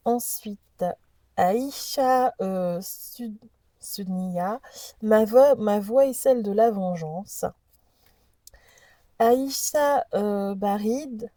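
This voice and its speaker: A woman's voice: medium pitch, mellow, dry recording. A woman host presenting an oracle deck in a casual chat, reading the card messages aloud and hesitating over unfamiliar names.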